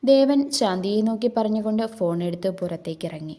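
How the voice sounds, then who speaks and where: Mellow-voiced woman narrating a story. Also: medium pitch, expressive, a little fast.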